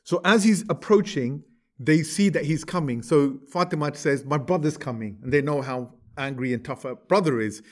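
A man's voice: a little high, normal speed. A man, teaching a class by retelling a story in a conversational way, often checking in with the listeners. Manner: conversational, asks "right?" to check in. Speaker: religious teacher. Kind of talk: storytelling lecture.

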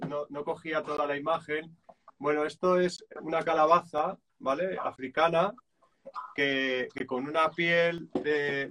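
Calm man explaining drum rhythms. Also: fairly high pitch, a little hiss or hum. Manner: calm and reflective, hesitant restarts, counts beats aloud. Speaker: guest musician and drummer.

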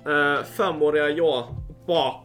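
Young male podcast co-host, bright voice, excitable and sweary, faint music underneath. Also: fairly high pitch. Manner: excitable storyteller, swears a lot, lots of fillers. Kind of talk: casual podcast chat, storytelling.

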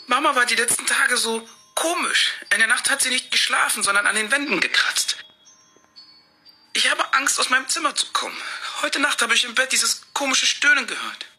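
A woman's voice: on the high side, animated, normal speed, sharp tone, husky, soft background music, full character voice. A woman voicing a frightened little girl on an emergency call, timid and stammering. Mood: scared.

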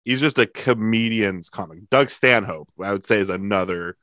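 A man's voice: lowish voice, normal speed, fairly bright tone, no room sound, studio quality. A man in his early thirties co-hosting a podcast, trading easygoing, profane banter. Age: 30s. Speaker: podcast co-host. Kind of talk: casual podcast chat.

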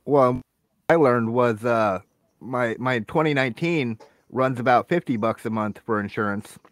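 A man's voice: medium pitch, a little slow, dry recording. Thoughtful man speaking in a dry, close voice. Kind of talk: casual chat.

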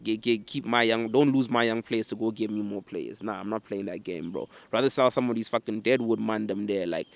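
A man with a medium-pitched voice and no room sound hosts as an opinionated football fan. He keeps his intonation level and his talk casual, slangy and urban, scattering swears along with bro, fam and mandem.

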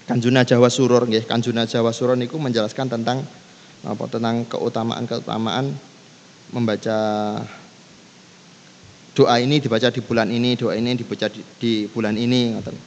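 A man's voice: mid-range voice, little pitch movement, moderate pace, lo-fi sound. A man with a Javanese accent leading a casual religious lesson, easygoing and switching between languages, reciting Arabic passages. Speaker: Islamic teacher leading kitab study. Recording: long reverb with faint background noise.

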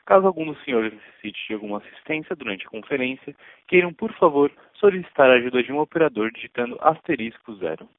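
A man's voice: medium pitch, expressive, no echo. A man, the conference call operator, reading formal welcome instructions. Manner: formal, brisk. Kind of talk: scripted operator announcement. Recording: tinny phone line.

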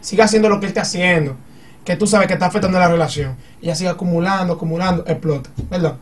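A man with a high voice talks quickly, piling example on example as he argues in a casual group chat. He sits a bit back from the microphone, so his voice sounds slightly distant. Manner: animated, argues by giving examples.

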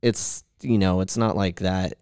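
Laid-back low-voiced man chatting. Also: unhurried, smooth, no room sound, studio quality. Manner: relaxed, rambling, laughs often. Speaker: podcast co-host. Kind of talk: casual chat.

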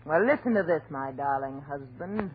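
A woman's voice: expressive, normal speed. A woman playing a spiteful, melodramatic wife who turns hysterical in a 1940s radio horror play. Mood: cold, spiteful. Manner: taunting, melodramatic, shrill when alarmed. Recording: muffled, faintly noisy old radio recording.

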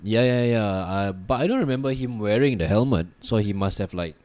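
A man from Singapore co-hosting a casual podcast, hesitant and quick to laugh. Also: fairly low pitch, expressive, a little mellow. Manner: hesitant, many fillers and restarts, laughs often. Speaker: podcast co-host.

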